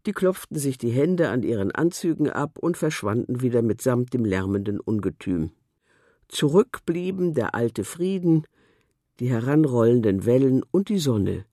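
A narrator reading a children's storybook aloud in a gentle, expressive way. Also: mid-range voice, dry recording, clean studio sound.

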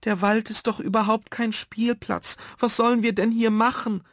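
A man's voice: sits high, a little slow, vocal fry, no echo, studio quality, pitched above the performer's own voice, full character voice. A man voicing a little girl in a children's storybook who keeps asking questions. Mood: bored.

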